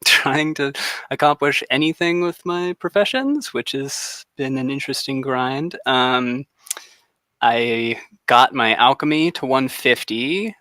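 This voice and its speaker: A man's voice: mid-range voice, gravelly, sharp tone, no room sound. A man on a gaming podcast panel, talking in a rambling, hesitant way about his week. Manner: rambling, hesitant with fillers and laughs. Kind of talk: casual gaming podcast chat.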